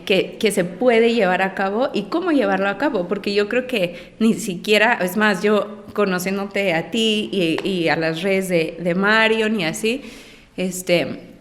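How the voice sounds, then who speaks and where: Chatty Mexican woman, reverberant room. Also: medium pitch. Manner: chatty, frequent fillers and tag questions. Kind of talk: personal storytelling in a podcast conversation.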